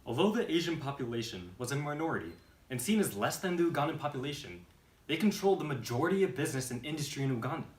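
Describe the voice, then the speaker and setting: A man's voice: a little high, expressive, quick pace, echoey room. A man giving formal, scripted narration in the style of a historical documentary.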